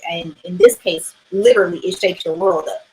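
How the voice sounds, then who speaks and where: A woman who reads tarot and astrology goes through a weekly astrology reading on a casual livestream, in a lowish, mellow voice at normal speed. She's chatty and loose, swears now and then, and keeps asking "right?" The recording is rough.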